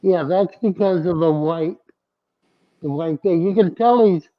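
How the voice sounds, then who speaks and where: Slow man on a muffled clip-on mic. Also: dry recording. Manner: slow, plain, reassuring advice. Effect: muffled, bass-heavy sound from a clip-on mic. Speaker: host of an aquarium livestream. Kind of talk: casual live Q&A advice. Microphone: clip-on lapel mic. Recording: muffled dull lapel mic.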